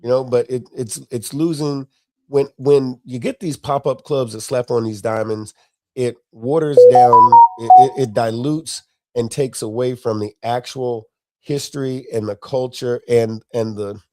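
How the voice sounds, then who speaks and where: A man from Florida talks in a blunt, folksy way, pressing his points hard. His voice is mellow and dark. It sounds dry and close, with no room around it. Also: mid-range voice, steady tone, measured pace, no room sound, faint music behind. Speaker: podcast co-host. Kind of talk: casual podcast chat.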